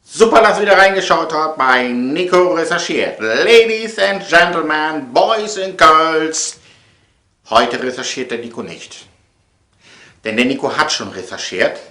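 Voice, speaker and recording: This online show host has a slightly high, animated, sharp-toned voice and speaks a little slowly through his comedic monologue to viewers. He's theatrical, hammering phrases through repetition. The room sound is echoey.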